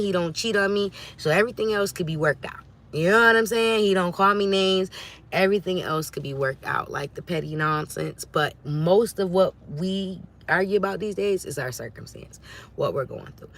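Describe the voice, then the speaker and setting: Lively woman vlogger, bright tone. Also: on the low side, a little hiss or hum. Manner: lively, preachy, talks to viewers directly. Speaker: channel host on a livestream. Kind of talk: casual livestream chat.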